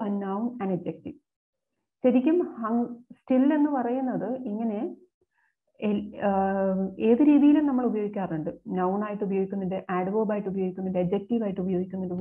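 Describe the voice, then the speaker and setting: Woman tutor going thru exam questions, reads slow then explains fast, sounds like over a phone. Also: a little high, phone-quality sound. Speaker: exam coaching teacher. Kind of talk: explaining exam questions, mixing Malayalam and English.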